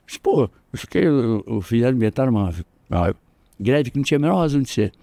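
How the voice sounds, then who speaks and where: Older man, Brazilian accent, animated storyteller, mellow tone, close dry sound. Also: fast talker, creaky, no room sound. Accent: Brazilian Portuguese. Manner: animated, acts out quoted voices with jumps in pitch. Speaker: interview guest, jiu-jitsu master. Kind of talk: storytelling in casual interview.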